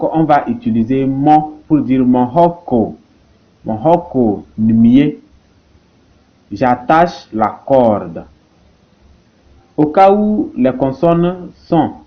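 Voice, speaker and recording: A man teaching a language lesson, who slowly repeats each example word and phrase. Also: mid-range voice, highs cut off.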